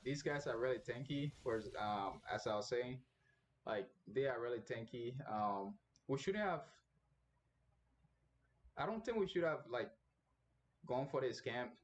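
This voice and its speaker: A man's voice: mid-range voice, a little hiss or hum. A young man casually commenting on his own gameplay, rambling with many fillers as he thinks aloud.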